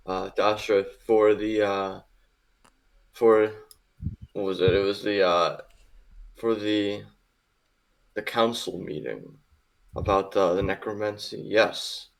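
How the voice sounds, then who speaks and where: A man playing a tabletop game, speaking in character in a halting way full of fillers. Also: on the low side, gravelly, a bit bright. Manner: halting, many fillers and pauses. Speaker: player. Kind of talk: tabletop role-play, in character.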